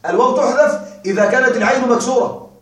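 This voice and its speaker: A male teacher giving a classroom grammar lecture, repeating and drilling examples slowly and quizzing his students. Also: very high voice. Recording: very echoey room, mic far off.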